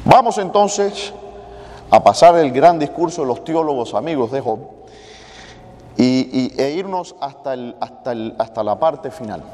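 A man's voice: medium pitch, lively intonation, a little slow, darkish tone. Preacher man in a reverberant hall. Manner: conversational, acts out pleading prayers and God's rebuke. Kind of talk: sermon. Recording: long reverb of a church hall.

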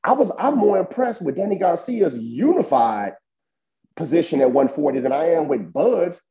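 A man talking sports in a loose, emphatic way, leaning on "you know" and "man" as he builds his points. His voice sits at an ordinary pitch but sounds dark and mellow. The recording is a little dull and lo-fi. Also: moderate pace. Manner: animated, emphatic, heavy use of fillers. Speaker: boxing podcast co-host. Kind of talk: casual sports chat.

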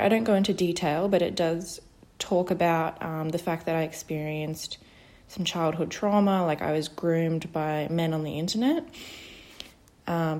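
A woman in her twenties hosts a casual solo podcast in a deep, darkish voice. She sounds nervous and hesitant, with lots of fillers and restarts.

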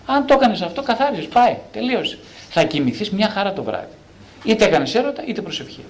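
A high-pitched man, a psychotherapist, talks loosely on the subject of self-knowledge. His style is lively and conversational, and he keeps asking himself rhetorical questions and then answering them.

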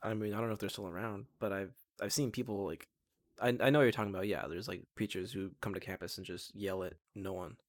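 A man's voice: on the low side, fairly even intonation, quick pace. A young man in a casual chat, talking loosely and searching for words with lots of fillers.

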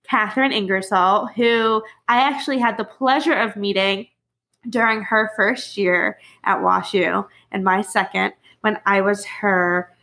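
A woman in her twenties hosting a casual podcast, bubbly and quick to laugh, talking over a video call. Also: mid-range voice, steady tone, sharp tone. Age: 20s. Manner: bubbly, laughs often, upbeat intro voice. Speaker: podcast host. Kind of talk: casual chat.

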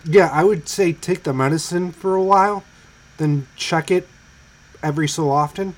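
A man's voice: fairly high pitch, normal speed. A man co-hosting a podcast in loose, chatty casual conversation, full of ums and likes. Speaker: podcast co-host. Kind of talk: casual chat.

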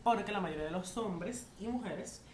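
A man's voice: high voice, moderate pace, a little mellow. A man hosting a casual podcast in a campy, playful way, calling people "my love". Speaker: podcast host. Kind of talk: casual chat. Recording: echoey room, faint noise.

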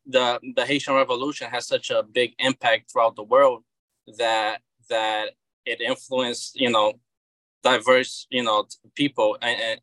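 A Brazilian comic book creator in his thirties, speaking with a Brazilian Portuguese accent, chats as a guest in a relaxed interview. His medium-pitched voice is bright and forceful, and he's hesitant, often stopping, restarting and repeating words. The space is dry, with no room echo.

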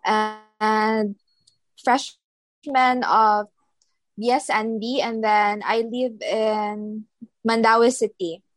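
Twenty-year-old Cebuano student. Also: female voice, on the high side, steady tone, drawn-out words, no room sound, low-quality recording. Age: 20s. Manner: thoughtful, mixes Cebuano into English. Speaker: student guest. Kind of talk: casual podcast chat.

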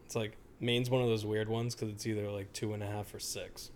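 A man's voice: lowish voice, flat delivery, a little fast, a little mellow, a little hiss or hum. A young American man talking casually among friends. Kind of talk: casual chat.

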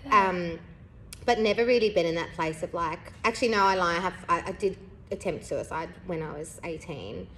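A woman's voice: on the low side, fairly quick, a bit bright. A young woman, chatting candidly as a podcast host, rambling with lots of fillers and laughing through heavy subjects. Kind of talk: casual candid chat.

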